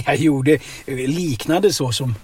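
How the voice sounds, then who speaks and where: Husky rambling man in a car. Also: medium pitch, a little mellow, soft background music. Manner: rambling, tags lines with "va?". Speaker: comedic storyteller. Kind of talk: deadpan absurd comedy chat. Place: inside a car.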